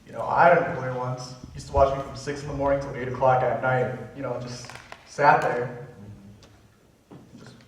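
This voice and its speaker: An actor playing a chatty, joking cab driver in a live stage play. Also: male voice, medium pitch, little pitch movement, moderate pace, a little hiss or hum, lightly acted. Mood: jokey. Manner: jokey, laughing. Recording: echoey hall, taped from far off.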